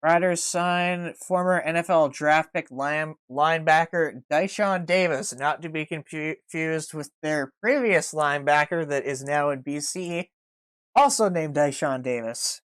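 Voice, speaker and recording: A man's voice: a little high, unhurried, fairly bright tone, clear, resonant tone, no echo. A man hosting a casual sports podcast, reading through news items and then riffing on them. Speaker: podcast host.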